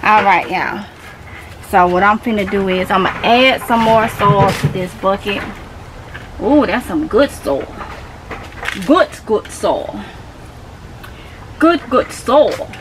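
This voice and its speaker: A woman's voice: medium pitch, takes it slowly, pauses often, noisy background. A woman from Mississippi with a Southern accent, chatting casually to her viewers while she works in a small greenhouse, repeating herself and calling them y'all. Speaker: gardening vlogger. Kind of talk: casual talk to camera while gardening. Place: small greenhouse tent, outdoors.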